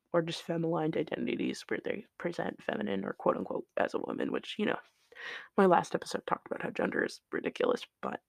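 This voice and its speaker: A man's voice: fairly high pitch, vocal fry, a little mellow, dry recording. A man hosting his own solo podcast, talking casually in a rambling, tangent-prone way with lots of "like" and "um" and some swearing, into his home microphone. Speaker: podcast host.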